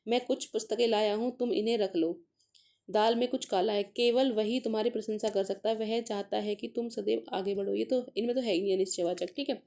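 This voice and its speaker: A woman teaching a casual grammar lesson for exam preparation, working through paper questions and sounding out letters and words slowly to explain them. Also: mid-range voice, fairly even intonation, creaky, mellow. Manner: mixes English words into explanations.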